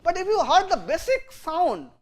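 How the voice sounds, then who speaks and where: A university lecturer whose first language is Bengali explains patiently in English with an Indian accent, stressing some words loudly and letting line ends fall quiet. Speaking at normal speed, his very high voice swoops wildly in pitch.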